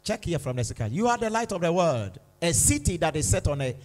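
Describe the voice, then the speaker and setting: A man preaching a sermon in a church, slow and emphatic, repeating lines for dramatic weight. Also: fairly high pitch, very animated, a little mellow. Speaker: pastor.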